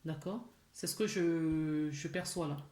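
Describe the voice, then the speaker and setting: A woman giving a spiritual guidance reading, speaking straight to the listener with many gentle questions and "d'accord?" check-ins. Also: sits low, echoey room. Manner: slow, questioning, addresses listener directly. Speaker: spiritual channeler.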